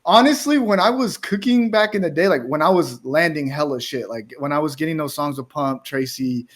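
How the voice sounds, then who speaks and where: A man's voice: a little high, lively intonation, a little fast. A man from the United States, hosting a casual interview chat, talking in a laid-back, slangy way full of "bro" and "like". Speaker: podcast host and music producer.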